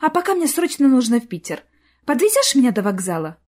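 An excitable young actress, nervous and hopeful, talks in a tense, pleading rush, as a woman reads her part. The voice rides high above the narration in this storybook reading. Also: fast talker. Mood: distracted.

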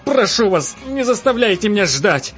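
A man's voice: high-pitched, sing-song, moderate pace, a bit bright, voice pushed up. A man voicing a lustful, panicky king who gasps out orders and shrieks in outrage. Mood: breathless commanding. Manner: commanding, breathless, shrieking. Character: lustful panicky male king, breathless and shrill. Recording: dull lo-fi audiobook with faint music.

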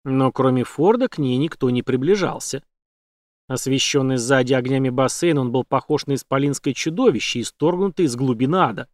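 A man narrating an audiobook in a steady, dramatic reading. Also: mid-range voice, a little fast, no echo, studio quality. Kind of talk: scripted narration.

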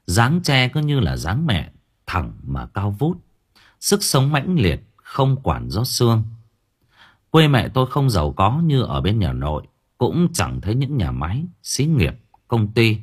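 Deep husky male storyteller. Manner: expressive, measured storytelling. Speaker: audiobook narrator. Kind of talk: first-person horror story narration.

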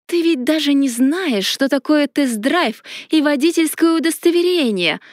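A woman voicing a feisty, sharp-tongued young witch who snaps back quarrelsomely, in a storybook reading. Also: high-pitched, sing-song, measured pace, dry recording, studio quality. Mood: snapping. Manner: snappy and quarrelsome.

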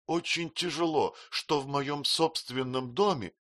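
A man voicing a young, timid wife who pleads in a high, plaintive voice, close to tears. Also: unhurried, fairly bright tone, no echo. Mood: pleading.

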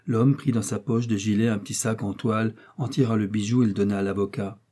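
A man reading a classic mystery novel aloud as an audiobook narrator, in a measured, even storytelling manner. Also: lowish voice. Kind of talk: scripted narration.

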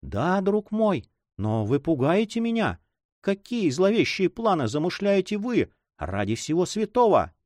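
A man's voice: sits high, sing-song, unhurried, darkish tone, no echo, pitched above the performer's own voice. A man reading aloud and voicing a young woman in love, anxious and devoted, in a pleading, fearful, tender manner.

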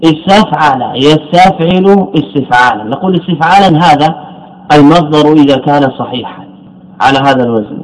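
A man's voice: a little high, brisk, low-quality recording. A middle-aged man teaching Arabic morphology as a scholar, repeating key phrases and putting questions to himself before answering them. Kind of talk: classical lecture explaining a text.

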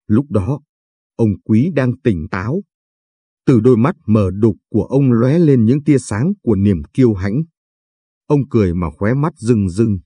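A man narrating a late-night audio story in a calm, measured way. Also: lowish voice, slightly rough, no room sound.

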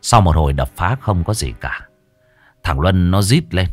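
A man narrating a dark story in a vivid, emphatic storytelling style. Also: low voice, expressive, moderate pace, faint music behind. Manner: vivid, emphatic, rising with the action. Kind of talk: dramatic horror-story narration.

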